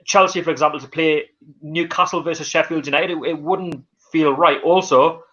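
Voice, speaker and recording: On a lo-fi recording, a North East England man with a Geordie accent runs a laid-back live stream, reading out what viewers write and responding with lots of filler words. His pitch is fairly high, his tone steady and fairly bright, at a moderate pace.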